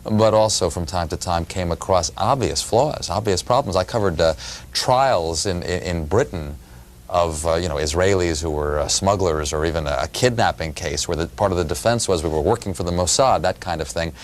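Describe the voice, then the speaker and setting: A man's voice: low voice, moderate pace. A man, a journalist answering interview questions thoughtfully. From New York City. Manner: thoughtful, with fillers. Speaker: journalist guest. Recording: faint background noise.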